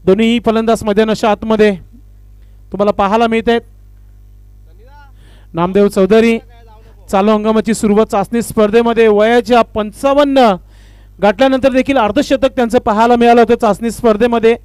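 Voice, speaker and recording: A man doing live commentary and formal stage announcements at a local cricket tournament, with honorific phrases and filler pauses. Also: extremely high pitch, little pitch movement, a little mellow, smooth, no echo.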